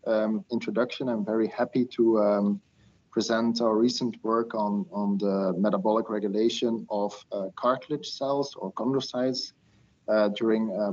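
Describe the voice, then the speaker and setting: A man in his thirties lectures in a low voice with a husky edge, heard through a screen recording of a video call. He talks hesitantly, with frequent fillers and restarts. The audio is dull and lo-fi. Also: a little mellow. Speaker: invited research speaker. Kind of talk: academic webinar lecture.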